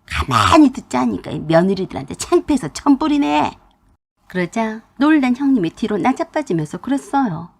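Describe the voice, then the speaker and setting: Expressive husky woman telling a family story. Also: fairly high pitch, moderate pace. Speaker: narrator. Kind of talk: first-person storytelling narration.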